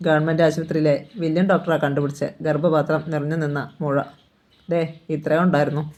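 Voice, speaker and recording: Mellow-toned reflective novel reader. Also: mid-range voice. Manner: reflective, measured storytelling. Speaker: audiobook reader. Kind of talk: scripted novel narration.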